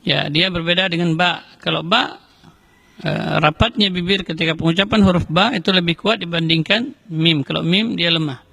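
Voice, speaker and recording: A man teaching correct Quran recitation, explaining letter sounds slowly and carefully between chanted verses. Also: fairly high pitch, creaky, pushed and bright, no room sound. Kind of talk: tajwid lesson with recited examples.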